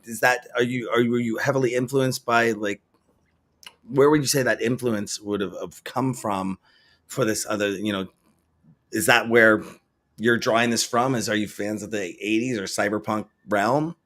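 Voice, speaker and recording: A man's voice: fairly low pitch, fairly even intonation, normal speed, fairly bright tone. A man hosting an interview, asking long, meandering questions in a casual tone. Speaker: interviewer host.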